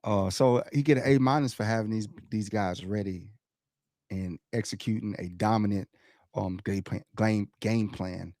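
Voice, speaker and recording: A man co-hosting a podcast, talking sports in a casual, animated way, laughing and mimicking the crowd. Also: lowish voice, moderate pace, no echo, studio quality. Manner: animated, laughs often, loud shouted impressions of the crowd. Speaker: podcast co-host.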